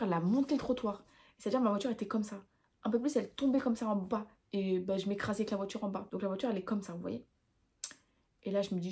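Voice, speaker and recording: Young woman, vlogger, chatty and expressive, slangy self-mocking storyteller. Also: medium pitch. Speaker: vlogger telling personal stories. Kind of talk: casual storytelling to camera.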